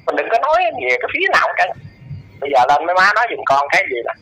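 Fast-talking husky old Southern Vietnamese man. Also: sing-song, bright, forceful tone, dry recording, poor audio. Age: 80s. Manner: preachy, scolding, pitch leaping up and down. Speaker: interview guest. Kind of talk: casual lecturing chat.

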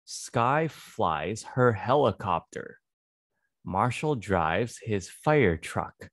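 Working from a small indoor home studio, a man in his thirties reads aloud a phonics lesson for kids, going slowly and repeating words and sentences. A close desk mic on a boom arm picks up his lowish, fairly bright voice with no echo.

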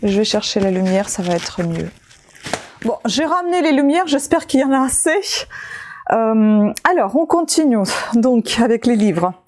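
A woman vlogger chatting casually as she shows and names the books she found, talking slowly with many fillers and pauses. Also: a little high, expressive, a little mellow. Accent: French-speaking with a non-native accent. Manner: slow, hesitant listing with many fillers. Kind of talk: casual haul video chat.

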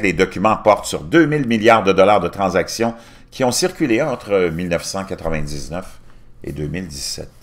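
A middle-aged man with a low voice reads news articles aloud on his home channel, his pitch rising and falling a lot as he goes. He trips over words, restarts them and slips in his own asides between the quoted passages. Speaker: YouTube channel host.

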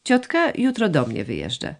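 Woman narrator doing a terse young landowner, clipped and cool, lively reading overall. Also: lowish voice, moderate pace, creaky, exaggerated voice. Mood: curt. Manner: curt, flat and unmoved. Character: terse, cold landowner son, young man. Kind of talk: audiobook dialogue reading.

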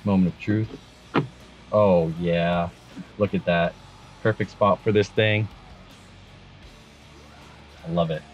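Deep-voiced and fairly even in intonation, the Canadian vlogger takes things slowly, with long pauses, over lo-fi sound and soft background music. He presents a vehicle install in a relaxed, hands-on tutorial, filmed in the vehicle and under an outdoor overpass.

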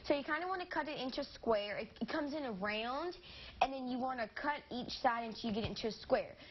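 Talking fast with lively intonation, this high-voiced teenage girl hosts a kids' cooking segment in a studio kitchen. She stays upbeat as she chats through the demo, occasionally stumbling over her words, and the TV sound is a bit dull with faint background noise.

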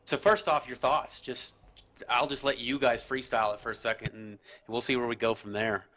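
A man's voice: mid-range voice, steady tone, moderate pace, pushed and bright, dull audio. A man moderating the post-match discussion, loosely inviting the players to share their thoughts.

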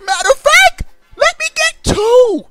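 A man voicing an eager old grandma who shops at a mall kiosk, in a shrill high falsetto, loud and half-shouting. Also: very animated, measured pace, soft background music, full character voice.

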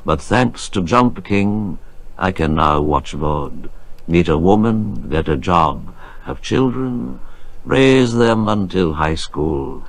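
A robotic text-to-speech man's voice reading out donation messages in a flat, even delivery. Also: low voice, takes it slowly.

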